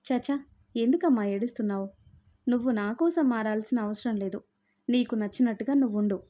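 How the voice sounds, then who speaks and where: A woman voicing a gentle, troubled young husband who speaks softly and coaxingly. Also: fairly high pitch, fairly quick, close to an everyday voice. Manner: soft, coaxing. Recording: dull lo-fi sound.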